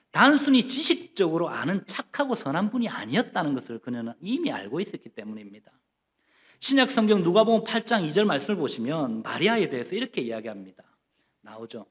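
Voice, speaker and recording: Emphatic Korean pastor, lively high voice. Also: male voice. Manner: emphatic, questioning the congregation, acting out quoted voices. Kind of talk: sermon.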